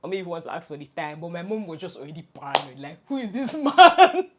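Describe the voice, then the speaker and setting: On a casual podcast she co-hosts with her best friend, a young Nigerian woman talks fast in a fairly low voice. Her storytelling is animated, with frequent laughter and many restarts.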